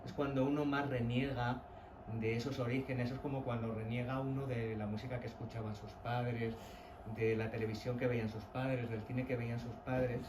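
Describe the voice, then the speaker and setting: A man's voice: mid-range voice, level tone, moderate pace, reverberant, far from the mic, noisy background. A man from Spain with a slight La Mancha accent, the author, speaking thoughtfully at a book presentation. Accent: Castilian, from La Mancha. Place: event venue.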